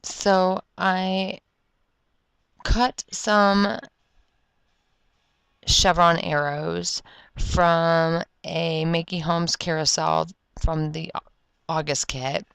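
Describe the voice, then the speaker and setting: A woman's voice: on the low side, fairly even intonation, very slow, gravelly, long pauses, a bit bright, clear, resonant tone, dry recording. A woman chatting casually through a scrapbooking tutorial at her craft table, rambling and correcting herself, with the hiccups. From Florida. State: has the hiccups. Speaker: scrapbooking video creator.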